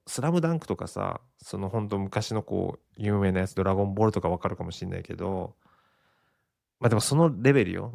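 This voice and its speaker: A man's voice: on the low side, creaky, dry recording, clean studio sound. A Japanese man in his forties hosting a casual solo podcast, rambling and chuckling often at his own expense. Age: 40s. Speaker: podcast host.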